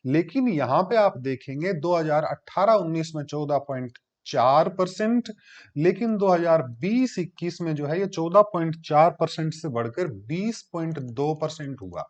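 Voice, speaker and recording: A man's voice: on the high side, expressive, measured pace. A man giving a classroom lecture, explaining step by step and answering his own questions. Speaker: teacher. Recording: dull lo-fi recording.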